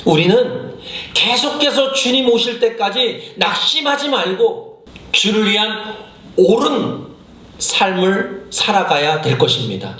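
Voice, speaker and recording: A man's voice: sits high, sing-song, slow pace, sharp tone. A male senior pastor preaching a sermon, impassioned, acting out his own prayers and putting questions straight to the congregation. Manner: addresses the congregation directly with questions. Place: church sanctuary. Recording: echoey church hall.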